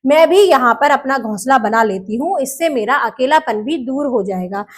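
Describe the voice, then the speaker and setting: A woman voicing a small, kind, lonely female sparrow in a children's storybook, speaking in a lively, exclaiming way. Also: high-pitched, normal speed. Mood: eager.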